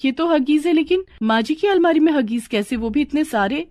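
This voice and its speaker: A woman's voice: a little high, expressive, normal speed, no room sound, clean studio sound, voice pushed up, lightly acted. Woman doing a curious young daughter-in-law. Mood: inquisitive.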